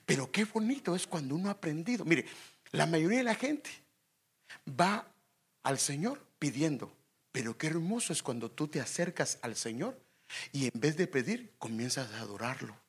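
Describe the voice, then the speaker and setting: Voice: mid-range voice, moderate pace, slightly rough. A preacher giving a sermon who addresses the congregation directly and emphatically, often asking rhetorical questions. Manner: lively, emphatic.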